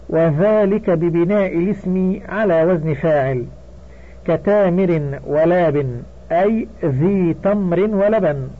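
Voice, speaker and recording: A man reading a grammar textbook aloud as an audiobook, in a steady, formal recitation that announces headings and page numbers. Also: sits high. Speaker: audiobook reader. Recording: tinny phone-like narrow sound.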